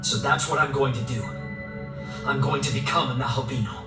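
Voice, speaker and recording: A man's voice: medium pitch, a little fast, close to an everyday voice. A male actor voicing an earnest, determined young man in a video game, speaking sincerely and resolutely. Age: young adult. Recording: echoey, distant sound under music.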